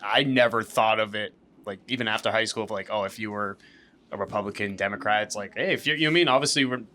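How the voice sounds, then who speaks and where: A man in his twenties from Massachusetts, hosting a casual podcast, animated and quick with interjections. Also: on the low side, slight background noise. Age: 20s. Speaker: podcast host.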